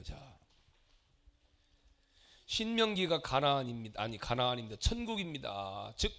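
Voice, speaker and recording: A middle-aged male pastor giving a dramatic sermon, acting out angry quarrels and swinging between loud and quiet. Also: fairly high pitch.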